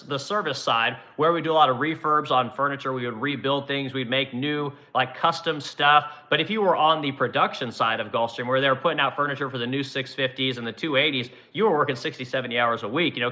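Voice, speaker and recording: Fast, bright-voiced blunt man in his forties. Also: medium pitch. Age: 40s. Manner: blunt, profane and rambling. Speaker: woodworking business owner answering live chat. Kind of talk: casual livestream chat.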